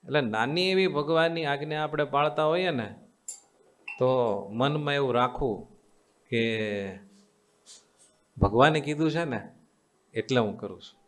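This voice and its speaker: Speaking as a swami, a man with a Gujarati accent gives a devotional sermon to a live assembly, teaching in a coaxing, repetitive way and quizzing listeners through call-and-response. His mid-range voice moves at a measured pace with frequent pauses.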